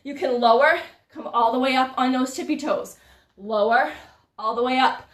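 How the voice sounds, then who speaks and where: A woman's voice: high voice, normal speed. Breathless woman coaching a live workout. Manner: upbeat coaching, chatting with viewers. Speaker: fitness instructor. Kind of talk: live-streamed workout instruction. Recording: echoey room, voice from a distance.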